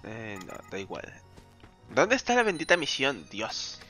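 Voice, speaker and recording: A man's voice: mid-range voice, huge pitch swings, measured pace, sharp tone, soft background music. A man giving casual, exasperated let's-play commentary, muttering and laughing often. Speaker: gaming streamer.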